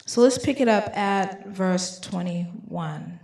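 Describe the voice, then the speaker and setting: A woman's voice: mid-range voice, slow pace, vocal fry, a little mellow, echoey room. A woman giving a sermon, reading scripture aloud with emphatic, rising delivery on repeated lines. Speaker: preacher.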